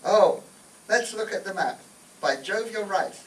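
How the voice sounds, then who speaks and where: Blustering shady military major played by a man, high-pitched, distant roomy stage recording, radio comedy. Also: expressive, unhurried. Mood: commanding. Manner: pompous, blustering. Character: Major Bloodnok, pompous male British military officer, shady and blustering.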